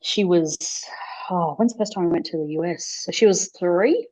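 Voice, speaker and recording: Low-voiced woman telling stories. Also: moderate pace. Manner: animated storyteller, acts out quotes in high voices. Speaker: podcast co-host. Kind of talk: casual chat. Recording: dull lo-fi audio.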